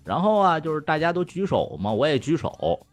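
A man in casual chat, telling crude jokes, swearing freely and laughing loudly at his own punchlines. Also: a little high, big pitch swings, fairly quick, faint music behind.

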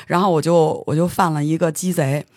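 A podcast host, telling a story in casual studio chat, animated and stumbling over words when excited. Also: medium pitch, brisk, no room sound.

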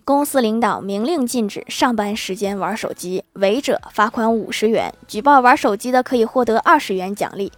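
A woman hosting a show, telling scripted jokes briskly and laughing at the punchlines. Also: a little high. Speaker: host. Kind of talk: scripted joke narration.

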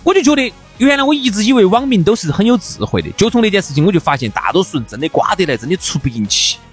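A fast-talking man with a Sichuan accent, his high voice swinging wildly as he teases his co-host. His tone is slightly husky, with soft music under the talk. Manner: teasing, animated, mock indignant. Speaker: podcast co-host. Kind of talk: casual comedic chat.

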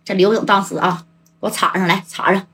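Woman storyteller, chatty and colloquial, with a bright, husky voice. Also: mid-range voice, brisk. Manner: lively, chatty, asks listeners rhetorical questions.

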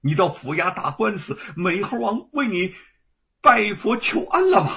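A man's voice: fairly high pitch, huge pitch swings, measured pace, creaky, fairly bright tone, full character voice. A man storyteller voicing a hurt, indignant wife who scolds sharply in a raised voice, on a dull lo-fi recording. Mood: reproachful. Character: wounded indignant older wife, sharp reproach.

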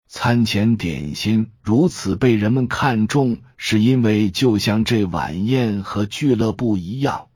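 Male audiobook narrator, low, husky, slow, dry close sound. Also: darkish tone, no echo.

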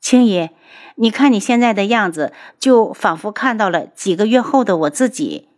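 A woman voicing a caring young princess who speaks brightly to a pregnant friend. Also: mid-range voice, expressive, normal speed, pitched above the performer's own voice, close to an everyday voice.

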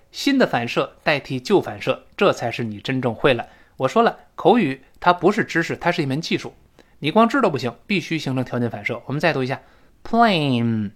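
Lively male English teacher drilling pronunciation. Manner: drills words slowly and repeats them, with big jumps in pitch and loudness. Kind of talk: spoken English pronunciation lesson.

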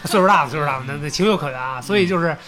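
A man's voice: a little high, very fast, bright, forceful tone. A man with a Beijing accent chatting casually as a podcast co-host. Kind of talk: casual chat.

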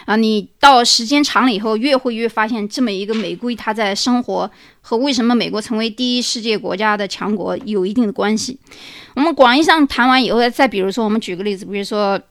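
A woman's voice: fairly high pitch, fairly quick, no room sound. A woman hosting a talk show, explaining things at length through many examples and often dropping in a filler "ah". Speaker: podcast host.

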